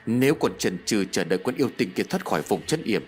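A man's voice: fairly low pitch, big pitch swings, quick pace, faint music behind. A man voicing a ruthless, power-hungry old male sorcerer who barks commands. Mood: commanding. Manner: commanding, barking orders.

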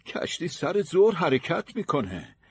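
A man voicing an excitable, fretful young male manservant in an audiobook, with a breathy, high, jumpy voice. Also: a little hiss or hum. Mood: agitated. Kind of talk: audiobook character voice.

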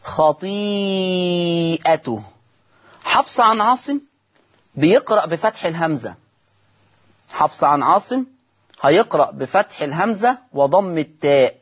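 A man's voice: a little high, sing-song, moderate pace, long pauses, a bit bright, breathy edge. A man with an Egyptian accent teaching Quran recitation on a broadcast lesson, drawing out recited words and quizzing his listeners. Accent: Egyptian Arabic.

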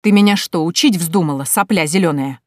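A woman reading an audiobook, voicing an enraged drunken middle-aged uncle who shouts threats and insults through a locked door. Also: lowish voice, a little fast, dry recording, studio quality, lightly acted. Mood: shouting. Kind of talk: audiobook character voice.

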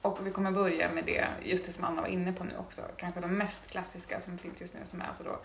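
A Swedish woman hosting a casual chat podcast, relaxed and hesitant with many fillers. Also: lowish voice, vocal fry, a little hiss or hum. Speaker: podcast host. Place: indoor room with rain outside. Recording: roomy room, rain on window.

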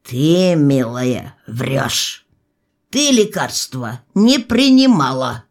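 A woman reading an audiobook and voicing a stern male medical assistant in a lower, grumbling voice. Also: big pitch swings, very slow, heavily acted.

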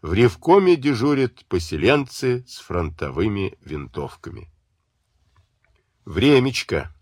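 A man narrates an audiobook with a dramatic, varied delivery. His voice is deep and husky, and it moves slowly through a wide pitch range. The dry studio sound keeps it close. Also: big pitch swings, darkish tone, no room sound.

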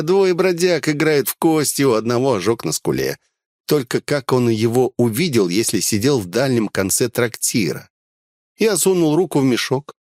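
A man narrating an audiobook in the first person, with a wry, expressive telling. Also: mid-range voice, no room sound, studio quality.

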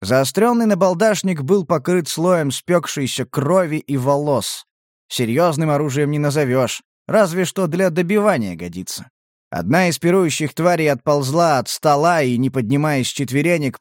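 A man's voice: a little high, expressive, normal speed, no room sound, clean studio sound. A man reading a first-person audiobook in a tense, dramatic storytelling manner. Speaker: audiobook narrator. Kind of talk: scripted first-person narration.

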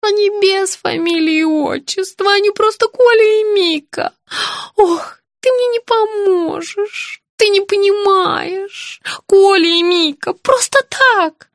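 A frail, confused old woman pleads in a high, quavering voice, as a woman narrator puts her on. She draws her words out slowly and swings widely in pitch, rising to anguished cries. The sound is close and dry. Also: expressive, no echo, exaggerated voice. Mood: distraught.

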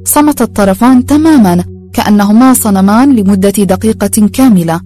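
A woman narrating a story in a calm, steady reading voice. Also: mid-range voice, a little fast, faint music behind.

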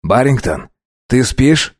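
A man voices a brash young heir, full of himself and teasing, pushing his offers with a smug, playful tone. His medium-pitched delivery is sing-song and slow, staying close to the narrator's own voice. It's dry and close to the mic, with no echo.

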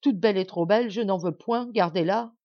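Lady reading as a sneery little dwarf guy, bossy and smug, swingy voice, dry flat sound. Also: medium pitch, unhurried, dry recording, lo-fi sound. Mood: disdainful. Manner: haughty, brash and mocking. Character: little yellow male dwarf, disdainful scoundrel.

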